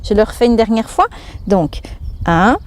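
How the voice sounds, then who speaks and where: A woman's voice: on the high side, sing-song, unhurried, a little hiss or hum. A young woman with a Belgian French accent, leading a fitness lesson and explaining each step while she does the exercises. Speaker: fitness instructor. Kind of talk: exercise demonstration.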